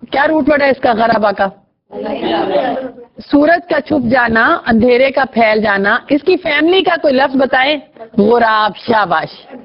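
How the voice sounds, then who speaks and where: A woman teaching Quran vocabulary, explaining Arabic word roots, asking her students questions and praising their answers. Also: high-pitched. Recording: dull lo-fi recording.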